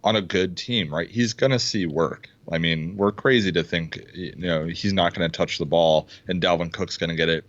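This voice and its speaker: A man co-hosting a casual fantasy football podcast over a video call, talking excitedly and pounding the table. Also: deep voice, normal speed, few pauses. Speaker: podcast co-host. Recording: dull, dry lo-fi sound.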